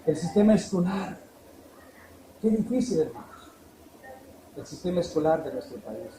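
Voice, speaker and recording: High-voiced preacher in an echoey church. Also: male voice, lively intonation, normal speed. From El Salvador. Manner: fervent, rising to emphatic peaks then dropping low. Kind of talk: sermon. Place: church hall. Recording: echoey church room, faint noise.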